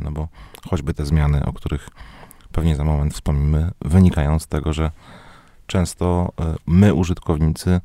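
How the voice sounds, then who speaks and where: A man hosting a radio interview, speaking hesitantly and pausing often on filler sounds. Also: very deep voice, mellow, no echo. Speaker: radio host.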